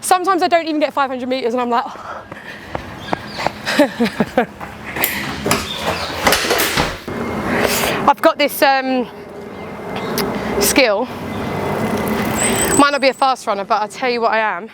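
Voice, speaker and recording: A woman talks candidly and casually while out on a run, animated and chatty, swearing lightly and acting out little imagined quotes as she goes. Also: sits high, moderate pace, pauses often, heavy background noise. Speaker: runner and vlogger. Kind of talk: casual chatty vlog monologue.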